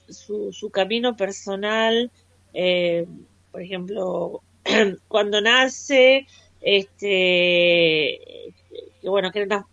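A woman's voice: medium pitch, a bit bright, no room sound, dull audio. A woman hosting a radio interview, hesitant and full of fillers. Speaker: radio host.

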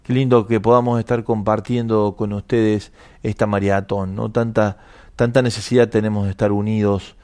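Argentine male radio host, lowish dry voice. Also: level tone, moderate pace, warm tone, no echo. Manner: affirming, encouraging interjections. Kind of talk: conversational radio interview.

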